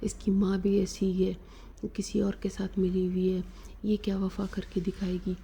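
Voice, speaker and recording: A woman reading out the lines of a scornful, scheming young woman who mocks her rival, in a flat, husky voice. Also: mid-range voice. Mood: sneering. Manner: sneering taunts.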